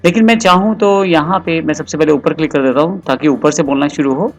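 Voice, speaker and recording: A male computer tutor talks through a software lesson, explaining each step patiently. His voice sits a little high. Faint music plays underneath. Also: quick pace.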